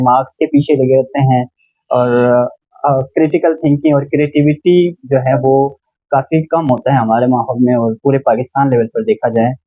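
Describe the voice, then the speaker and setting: A man's voice: a little high, mellow, dry recording, highs cut off. A man hosting an interview, asking long, hesitant questions full of fillers. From Pakistan. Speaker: interviewer, host.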